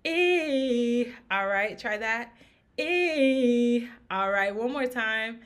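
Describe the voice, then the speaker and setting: A woman's voice: a little high, steady tone, unhurried, pushed and bright. A woman vocal coach giving an upbeat, encouraging singing lesson, singing short examples between explanations. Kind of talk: singing lesson with sung demonstrations. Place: home studio podcast.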